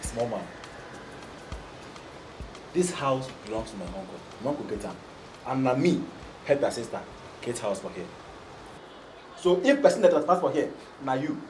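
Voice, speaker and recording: A man's voice: mid-range voice, very animated, moderate pace, long pauses, background noise, lightly acted. An actor playing a shameless man who blusters and pleads in a Nigerian Pidgin accent, in a film drama. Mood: blustering.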